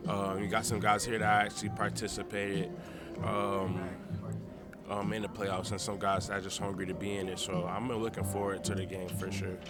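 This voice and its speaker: A man's voice: lowish voice, flat delivery, normal speed. A young man, a football player, answering casually in a locker room interview. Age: young adult. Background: loud music.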